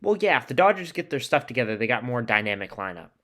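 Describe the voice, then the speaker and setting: Guy hosting a sports podcast, casual and pumped up, bright voice. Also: mid-range voice, sing-song, fast talker. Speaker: podcast host.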